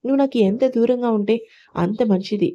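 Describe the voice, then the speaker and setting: A woman's voice: fairly high pitch, fairly quick, natural voice. A woman voicing a bitter, suspicious older mother-in-law who rebukes her daughter-in-law, on a dull lo-fi recording. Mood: bitter accusing. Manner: accusing, sharp rebukes.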